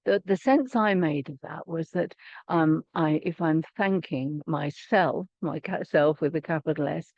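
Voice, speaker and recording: Soft-spoken woman leading a meditation. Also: low voice, dry recording. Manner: gentle, unhurried, with many small restarts. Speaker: meditation teacher. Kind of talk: guided meditation and spiritual teaching. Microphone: video call. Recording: dull, dry video call audio.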